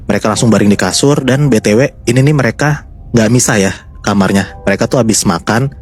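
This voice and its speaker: A man's voice: lowish voice, fast. A man casually telling a horror story to his co-hosts, chatty and building suspense. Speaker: storyteller host.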